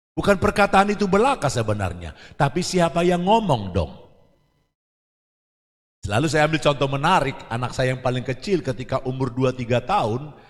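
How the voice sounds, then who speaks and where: Animated preaching man in a reverberant church. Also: mid-range voice. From Indonesia. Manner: animated preaching, swinging from quiet to shouted; asks the congregation questions. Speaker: pastor. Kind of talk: sermon. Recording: church hall reverb on a livestream.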